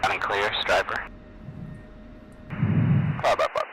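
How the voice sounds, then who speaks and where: A man's voice: fairly low pitch, huge pitch swings, slow, low-quality recording. A man giving short, clipped wingman calls over a flight-sim radio channel.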